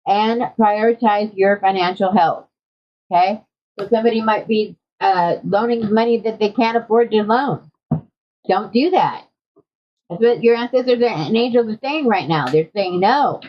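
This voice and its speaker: A woman reading tarot cards for her viewers in a casual, conversational way, often checking in with a quick "okay?". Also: mid-range voice. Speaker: tarot card reader. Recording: dull lo-fi audio.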